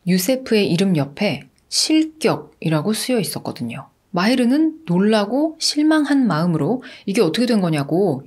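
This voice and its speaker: A woman telling a true-crime story with a lively, rising-and-falling pitch and a chatty manner. She keeps turning to the listeners with rhetorical questions as she narrates.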